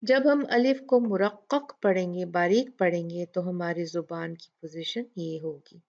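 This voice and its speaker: Slow, patient woman teaching Quranic recitation. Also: lowish voice, a little mellow, dull audio. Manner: patient, asks questions then answers them, draws out example words slowly. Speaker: Tajweed teacher. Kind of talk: slow explanatory lesson with recited examples.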